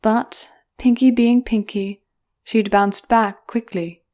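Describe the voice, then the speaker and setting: With music playing behind her, a woman reads scripted storybook narration as the storyteller. Her voice is fairly high and warm, slow, with fairly even intonation.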